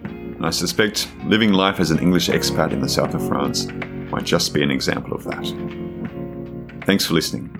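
A man hosting a podcast, thanking his guests and reading a measured closing monologue. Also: deep voice, vocal fry, loud music behind the voice. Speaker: podcast host. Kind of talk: conversational podcast interview and scripted outro.

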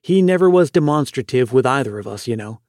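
A man reading as a loving middle-aged mother who talks in a soft, pleading way. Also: medium pitch, animated, a little fast, no echo, studio quality, natural voice. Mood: tender.

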